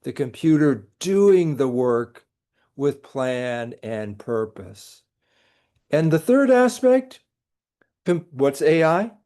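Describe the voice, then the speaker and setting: A man's voice: on the high side, big pitch swings, takes it slowly, mellow. A middle-aged man, a college professor, giving a recorded lecture with dry, sarcastic jokes. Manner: dry jokey asides, sarcastic.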